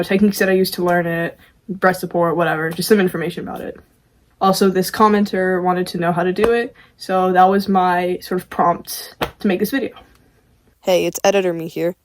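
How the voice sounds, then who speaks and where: Female amateur vocalist as tutorial host: informal, self-deprecating, medium-pitched, conversational delivery. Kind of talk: casual video tutorial.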